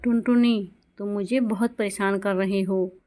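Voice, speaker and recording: A woman's voice: mid-range voice, steady tone, unhurried, dark tone, natural voice. A woman voicing a short-tempered male sparrow husband who scolds and makes threats. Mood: irritated.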